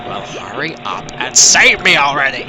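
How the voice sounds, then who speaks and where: A man's voice: medium pitch, big pitch swings, moderate pace, music in the background, natural voice, poor audio. A man voicing an exasperated, sarcastic crocodile hero in a comedy audio cartoon. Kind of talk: audio comedy character acting.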